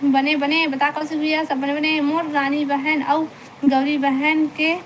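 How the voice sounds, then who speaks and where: Chhattisgarhi woman vlogger, unhurried and coaxing, reading viewer comments aloud over a noisy phone line. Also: high-pitched, level tone. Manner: chatty, coaxing, greets viewers by name. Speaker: live-stream vlogger. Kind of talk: casual live chat reading viewer comments. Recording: noisy live-stream audio.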